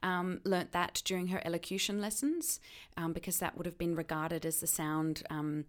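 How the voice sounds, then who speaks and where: Woman accent coach explaining, lowish voice. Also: moderate pace. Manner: hesitant, many ums, enthusiastic about sounds. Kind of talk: casual expert explanation.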